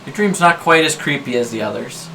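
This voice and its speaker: A man narrating a tabletop game as game master in halting, drawn-out phrases. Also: fairly high pitch, animated, vocal fry, pushed and bright, slight background noise, poor audio.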